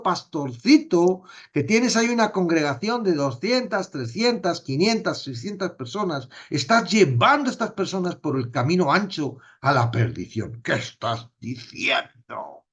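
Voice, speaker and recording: Animated man teaching the Bible. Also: a little high, breathy edge. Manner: animated storytelling, acts out dialogue. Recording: dull lo-fi recording.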